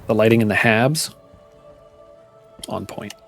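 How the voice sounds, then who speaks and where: A man's voice: on the low side, takes it slowly, gravelly, fairly bright tone, faint music behind. A man chatting casually to his viewers while playing a game live, musing aloud as he goes. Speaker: streamer. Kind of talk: casual gameplay commentary.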